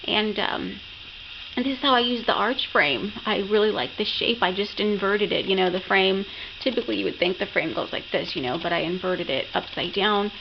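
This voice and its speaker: Chatty craft vlog lady sick w a sore throat, gravelly crackly voice, kinda muffled audio. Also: medium pitch, normal speed. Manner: enthusiastic, chatty. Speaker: craft vlogger. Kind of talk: casual project show-and-tell. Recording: muffled lo-fi sound with clear background noise.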